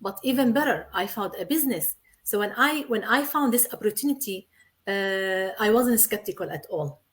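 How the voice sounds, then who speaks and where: A Syrian woman in her thirties speaks at a normal speed in a medium-pitched, animated voice. She is a guest in a casual interview, talking earnestly in simple, repetitive non-native English.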